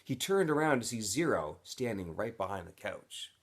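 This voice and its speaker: Reading a children's novel to listeners the way a teacher might to a class, this man uses a fairly low pitch and a moderate pace. His delivery is expressive, shifting into different character voices.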